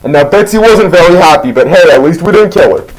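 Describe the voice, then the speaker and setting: A man's voice: fairly high pitch, animated, quick pace, rough recording. A man voicing a laid-back male skeleton in a rambling comedic storytelling style, full of restarts and absurd turns.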